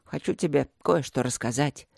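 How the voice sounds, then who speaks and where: A woman's voice: low-pitched, moderate pace, vocal fry, darkish tone, no room sound, studio quality, pitched below the performer's own voice, exaggerated voice. Woman doing a smug slick blackmailer man. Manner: swaggering, then panicky.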